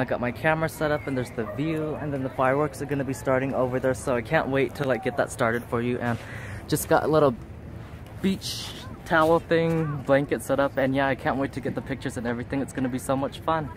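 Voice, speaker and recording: A man's voice: medium pitch, fairly even intonation, fast, slight background noise. A teenage male vlogger chatting casually to the camera in a rambling way, often exclaiming. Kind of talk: casual vlog chat to camera.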